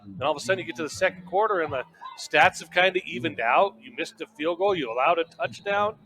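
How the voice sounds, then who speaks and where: A man's voice: a little high, fast talker, bright, forceful tone. A man giving color commentary on a college football radio broadcast, opinionated and emphatic. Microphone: broadcast booth microphone.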